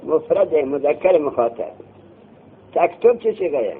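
A man teaching a grammar class, quizzing his students with quick questions, answering them himself and scolding them to put things away and listen. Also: fairly high pitch, expressive, a little hiss or hum. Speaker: seminary teacher. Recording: tinny phone-like lo-fi recording.

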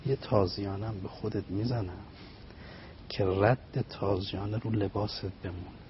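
A man voicing a calm male servant who speaks quietly and confidingly while telling a story. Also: lightly acted. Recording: slightly dull with faint rumble.

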